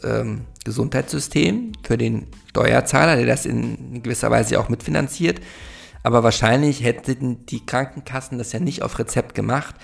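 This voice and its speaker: A German man in his forties hosts a solo podcast in a medium-pitched, gravelly voice. He talks reflectively and rambles, using many fillers.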